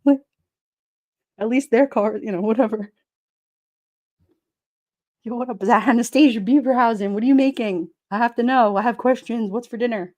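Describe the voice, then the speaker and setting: A middle-aged woman with a New York accent, casually chatting on a livestream, sassy and quick to laugh. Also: on the high side, a little mellow. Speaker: livestream host reading chat. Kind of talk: casual chat.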